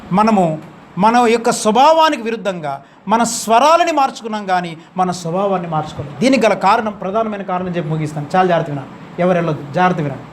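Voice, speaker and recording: A man's voice: sits high, a little hiss or hum. A man preaching a sermon, pressing the congregation with emphatic rising questions.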